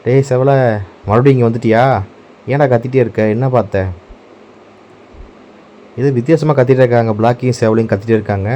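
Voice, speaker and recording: A chatty man walks through his garden with a handheld phone, talking to viewers and shouting out to his dogs now and then. His voice is dark and mellow, with faint outdoor ambience behind him. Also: mid-range voice, fairly quick, long pauses, a little hiss or hum. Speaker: vlogger filming his garden. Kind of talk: casual walk-and-talk vlog. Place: outdoor garden under trees.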